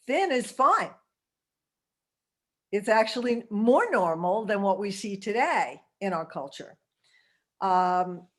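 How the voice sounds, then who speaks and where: Speaking in a mid-range voice on a video call, a woman in her seventies talks about holistic health in a conversational way, laughing frequently and dropping in little asides like "okay?".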